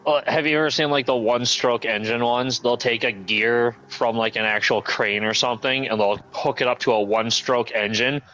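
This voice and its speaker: Bright-voiced laid-back gaming streamer. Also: male voice, mid-range voice, steady tone, normal speed, hardly any pauses, lo-fi sound. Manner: laid-back, rambling, laughs often. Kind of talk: casual chat while gaming.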